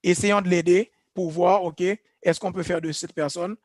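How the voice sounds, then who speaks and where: Man, church leader, earnest testimony, high voice, dry sound. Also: steady tone, a little slow, no echo. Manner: earnest, reflective, personal testimony. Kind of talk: speaking on leadership. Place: church gathering.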